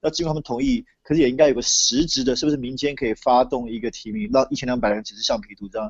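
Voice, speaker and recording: Male commentator, Taiwanese Mandarin accent, creaky and husky, explaining conversationally on a lo-fi call. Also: mid-range voice, sing-song, rapid-fire, no room sound. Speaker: interview guest, political commentator. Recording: dull lo-fi remote call audio.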